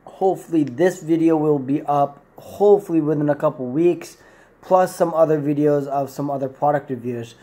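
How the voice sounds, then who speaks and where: Speaking at normal speed in a mellow, slightly high voice, this young man in his 20s reviews a product on the fly. He addresses a camera casually from a plain indoor room, wandering off topic and correcting himself.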